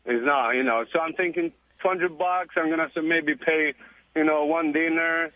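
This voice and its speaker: Over the phone, an eager, chatty caller from Italy talks on a radio show in a casual way, laughing readily, with an Italian accent. His voice is fairly high, his intonation fairly even, and his speed normal.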